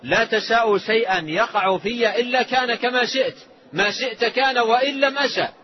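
A male religious scholar giving an explanatory lesson, speaking in a measured way and often restating his phrases. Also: very high voice. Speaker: religious scholar teaching a book. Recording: dull lo-fi lecture recording, faint hiss.

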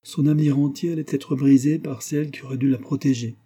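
A man reading a classic novel aloud as an audiobook, in a measured, steady literary narration. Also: mid-range voice, slightly rough. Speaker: audiobook reader.

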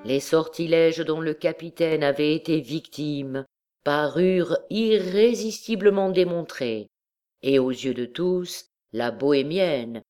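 A woman narrating a classic novel as an audiobook, in a measured, deliberate reading. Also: sits low, darkish tone. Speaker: audiobook reader.

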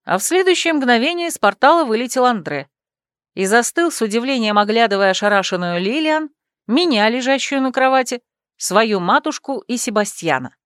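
A woman's voice: a little high, expressive, normal speed, no echo. Woman narrating a novel, dry mic. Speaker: audiobook narrator. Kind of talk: first-person novel narration.

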